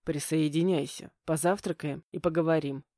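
A man's voice: on the high side, fairly even intonation, normal speed, dark tone, dry recording, clean studio sound, close to an everyday voice. A woman voicing a stern middle-aged stepfather who lectures curtly. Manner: curt, lecturing.

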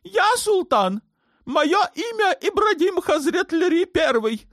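A man's voice: very animated, slow pace, a bit bright, dry recording, studio quality, exaggerated voice. A man voicing a hysterical, tyrannical young sultan in an audiobook, shrieking his orders in fits of rage. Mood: raging. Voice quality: shrill screaming. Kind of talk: audiobook character voice.

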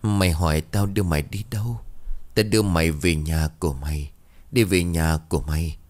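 A man's voice: low-pitched, fairly even intonation, brisk, darkish tone, close to an everyday voice. A man voicing the vengeful ghost of a young woman, speaking in a cold, threatening, commanding way in a narrated horror story. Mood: taunting.

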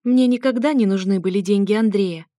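A woman's voice: mid-range voice, brisk, mellow, no room sound, close to an everyday voice. A proud young wife in an audiobook, voiced by a woman narrator. She speaks firmly and without fear. The voice is close and dry. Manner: firm, unafraid.

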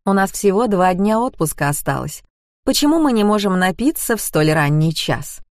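A woman's voice: mid-range voice, animated, moderate pace, dry recording, studio quality, lightly acted. Woman doing a cheeky tipsy friend. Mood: breezy. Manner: jokey and breezy.

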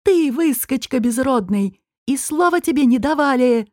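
A woman's voice: high voice, lively intonation, normal speed, darkish tone, dry recording, studio quality, voice pushed up. A woman voicing a huge hot-tempered male king who bellows with scorn. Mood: raging.

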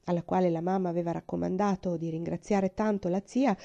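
A woman narrating a classic novel aloud as an expressive, suspenseful audiobook reading. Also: lowish voice, brisk, gravelly, highs cut off. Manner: dramatic, suspenseful.

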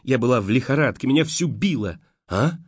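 Guy narrating an audiobook, mid pitch, dry close sound, kinda lo-fi. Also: normal speed, no room sound. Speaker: audiobook reader. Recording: dull lo-fi dry recording.

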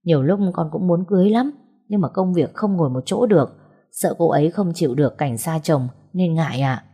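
A woman's voice: sits low, brisk, dark tone, slightly rough. A woman voicing a teasing young man. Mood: easygoing. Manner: casual, joking.

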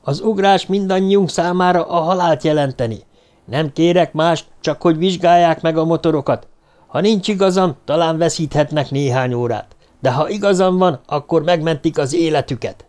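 A man's voice: on the high side, fairly even intonation, hardly any pauses, natural voice. A man voicing a desperate young man who pleads urgently in an audiobook reading. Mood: urgent pleading. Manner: pleading, shouting. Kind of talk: audiobook narration.

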